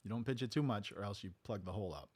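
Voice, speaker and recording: Speaking very fast with a lowish, breathy-edged voice, a man gives a casual tutorial from his home music studio on a talk box technique. He stays relaxed, working through it step by step and checking in with "right?"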